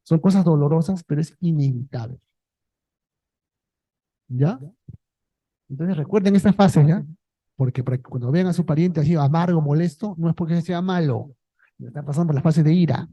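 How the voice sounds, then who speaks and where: A man's voice: fairly high pitch, normal speed, pauses often, dark tone, no room sound, poor audio. A man, a priest, giving a talk to a parish group in a casual way, often checking in with the listeners. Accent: Peruvian Spanish. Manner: conversational, checks in with "¿no?" and "¿ya?". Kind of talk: pastoral talk with audience.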